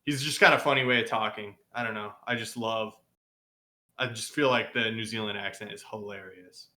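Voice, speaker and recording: A man's voice: on the low side, fairly even intonation, normal speed, sharp tone. A young man co-hosting a gaming podcast in casual chat, laid-back, saying "dude" and laughing often. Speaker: podcast co-host.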